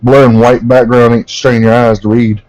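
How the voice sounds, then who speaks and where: A man's voice: mid-range voice, little pitch movement, normal speed, darkish tone, poor audio. A man chatting casually and making dry, offhand remarks while reading a story with a friend.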